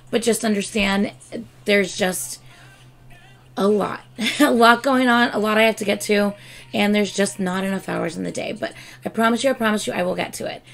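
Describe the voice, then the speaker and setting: A woman in her thirties with a mid-range voice, hoarse from losing it, chats with gushing excitement and plenty of laughter. As a K-pop reaction YouTuber, she records at her home desk on a webcam, surrounded by shelves of albums and collectibles.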